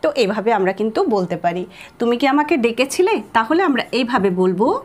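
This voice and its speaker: A woman with a Bengali accent teaching spoken English, repeating example sentences slowly and spelling words out letter by letter. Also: on the high side, very animated.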